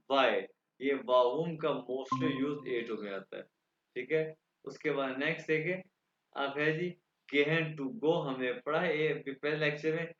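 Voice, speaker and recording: A man teaching a language lecture. He explains slowly and repeats himself, stopping often to check that the students follow. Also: a little high, a bit bright. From Pakistan. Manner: slow and repetitive, checking understanding with the students. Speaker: German teacher. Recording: echoey room, dull lo-fi sound.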